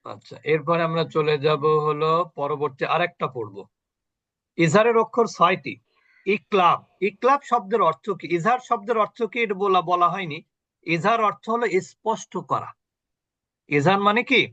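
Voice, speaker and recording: A man teaching Quran recitation rules in an online class, explaining patiently, quizzing his students and chanting example words slowly. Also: high voice, bright, forceful tone, lo-fi sound. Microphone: video call.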